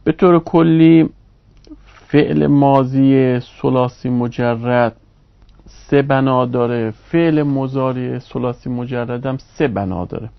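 A man giving a recorded online grammar lesson, explaining step by step at a measured pace with pauses and fillers. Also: medium pitch, fairly even intonation, vocal fry, muffled recording. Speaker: Arabic grammar teacher.

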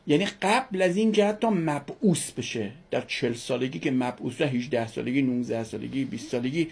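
A woman's voice: a bass voice, gravelly, darkish tone, slightly rough. A woman teaching a religion class who asks her students questions and answers them herself, repeating key words for emphasis.

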